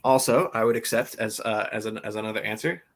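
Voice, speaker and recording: A man's voice: fairly low pitch, fast. A man co-hosting a casual comics talk show, jokey and self-deprecating. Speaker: comic podcast co-host. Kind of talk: casual chat.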